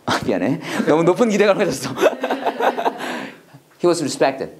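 Energetic instructor with a lively, swooping pitch. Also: brisk, a crowd in the background. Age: adult, past seminary studies. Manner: energetic, coaxing, repeats drill phrases and urges speed; jokey asides and chuckles between drills. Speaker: English prayer instructor. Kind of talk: classroom lecture with call-and-response drills.

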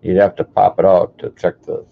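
A man's voice: low-pitched, level tone, moderate pace, vocal fry. A man calling a live online coin auction, chatty and greeting bidders by name. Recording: dull audio with faint hiss.

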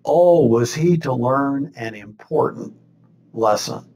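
Slow, lively-pitched older man preaching. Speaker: pastor. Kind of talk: sermon. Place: small chapel set with stained-glass backdrop, indoors. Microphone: webcam facing him at desk distance.

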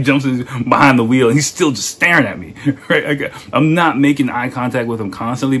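A man's voice: medium pitch, slight background noise. A man hosting a podcast, telling a story in a loose, rambling way with lots of "like" and "you know" and frequent laughter. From United States. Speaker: podcast host.

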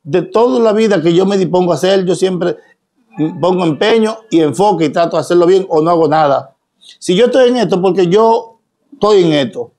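A man's voice: high voice, fairly quick, mellow. A man with a Dominican accent speaking straight to his followers, emphatic and preachy, full of rhetorical questions. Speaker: social media personality. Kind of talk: direct-to-camera monologue.

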